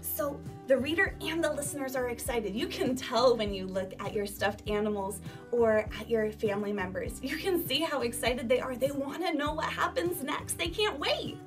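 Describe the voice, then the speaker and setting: Recorded on a distant microphone with music behind, this elementary school teacher speaks in a high voice at normal speed. Her instructional talk to young children is emphatic and animated, full of rhetorical questions she puts to them as she goes.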